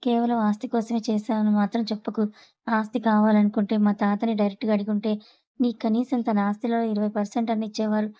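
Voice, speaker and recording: A woman's voice: mid-range voice, level tone, fast talker, dark tone, lo-fi sound, close to an everyday voice. A woman voicing a young man who coldly reproaches the uncle who wronged his family. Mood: accusing.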